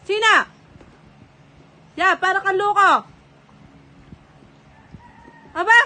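A woman's voice: very high voice, very slow, bright, forceful tone. A mother in a casual family vlog, playfully pretending to be angry as she scolds her small children.

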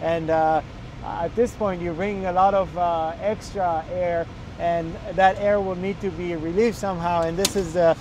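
A man's voice: sits high, steady tone, measured pace, darkish tone. Young man explaining on a rooftop. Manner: hesitant, many filler sounds and restarts. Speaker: energy auditor instructor. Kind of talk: instructional walkthrough. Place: outdoors on a building rooftop. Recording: faint outdoor noise.

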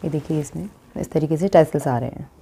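Woman, low mellow voice, boutique product showcase presenter. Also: a little fast, creaky, slightly rough. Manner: describes garments while showing them.

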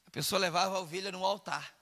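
A man's voice: sits high, steady tone, fast talker, pushed and bright, big-room sound. A man with a Brazilian Portuguese accent preaching a fervent, emphatic sermon as a pastor.

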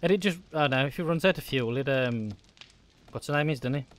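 A man's voice: mid-range voice, fairly quick. A man hosting a casual let's-play, chatting and laughing often as he plays. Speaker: gaming channel host.

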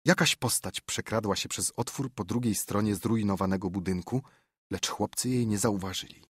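A man reading an audiobook as narrator, in measured, even storytelling from close to the mic. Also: fairly low pitch, slightly rough, dry recording. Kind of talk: scripted narration.

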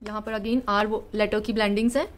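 A woman's voice: mid-range voice, little pitch movement, fairly quick. A woman with an Indian accent teaching phonics to children, sounding out each word part by part before saying it whole. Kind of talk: phonics lesson for kids.

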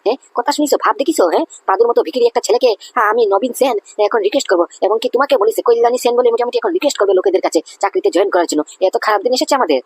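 A woman's voice: on the high side, rapid-fire, hardly any pauses, slight background noise, lightly acted. A woman voicing a quarrelsome, hot-tempered grown-up son in a cartoon. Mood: angry. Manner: quarrelsome, blustering.

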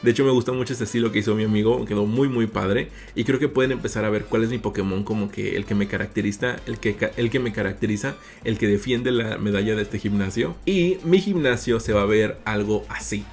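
A man's voice: lowish voice, a little fast, few pauses, a little mellow, faint music behind. A man with a Mexican accent hosting a gaming vlog, narrating playfully with big jumps in his voice and calling his viewers "little ones.". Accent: Mexican Spanish. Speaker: gaming YouTuber host.

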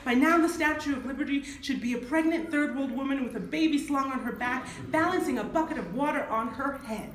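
At a lectern in a small room, a poet from Nigeria in her thirties delivers a spoken word piece with rhythm and emphasis, speaking in a high-pitched voice, fairly quickly and with hardly any pauses. The recording comes from a distant camera and sounds echoey.

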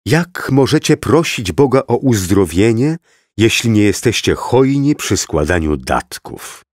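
A man voicing a greedy, smooth-talking false prophet in an audiobook, preaching in an insistent, coaxing way. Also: fairly low pitch, very animated, a little slow, darkish tone, no room sound, clean studio sound, voice pushed up.

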